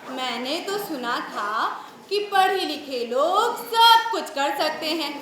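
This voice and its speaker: A woman's voice: extremely high pitch, sharp tone, heavily acted. A woman playing a harsh, contemptuous mother-in-law who taunts her daughter-in-law. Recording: very echoey room, faint music.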